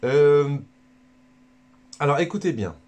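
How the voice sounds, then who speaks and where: A man, a friar, giving a casual livestreamed spiritual talk, joking and animated, colloquial, stumbling over words. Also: a little high, slow pace, muffled recording. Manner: joking, animated, bursts of laughter between points.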